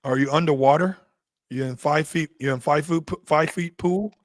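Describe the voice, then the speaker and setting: A man's voice: a little high, moderate pace, dry recording. Plain-spoken man hosting, dry sound. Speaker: host. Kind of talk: casual online interview.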